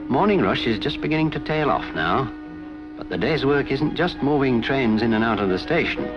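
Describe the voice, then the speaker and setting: A man's voice: mid-range voice, lively intonation, moderate pace. A man narrating a scripted 1950s documentary as a railway official, in a conversational, wry storytelling way. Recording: dull 1950s film soundtrack with music.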